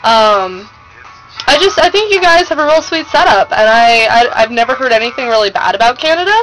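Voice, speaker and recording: A woman's voice: a little high, animated, brisk, fairly bright tone, low-quality recording. An American woman chatting casually to her vlog audience in a gushing, slangy, emphatic way. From United States. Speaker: vlogger. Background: music playing.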